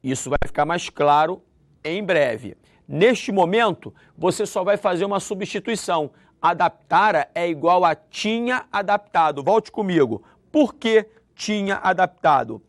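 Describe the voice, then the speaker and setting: A man with a Brazilian Portuguese accent teaching a video grammar lesson, lively and acting out example sentences. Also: high-pitched, measured pace, no echo. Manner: lively, acts out example sentences with shifting intonation.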